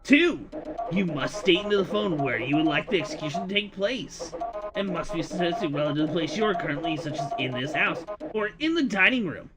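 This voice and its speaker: A man voicing a gleeful, scheming male demon who talks through a phone, showy and excitable in a sing-song way. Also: on the high side, fairly quick, pitched above the performer's own voice, lightly acted. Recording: music playing behind voice.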